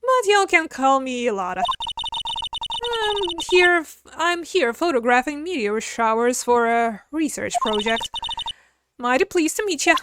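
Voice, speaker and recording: A woman's voice: high voice, big pitch swings, a little slow, background noise. A woman voicing a brash, hot-tempered young country photographer from a video game, with a put-on Southern US drawl. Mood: folksy, friendly. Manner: folksy, scolding drawl.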